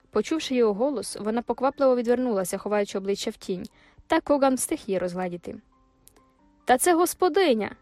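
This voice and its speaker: A woman's voice: on the high side, a little mellow, no echo. Woman narrating a classic novel. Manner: measured storytelling. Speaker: audiobook narrator. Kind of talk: scripted narration.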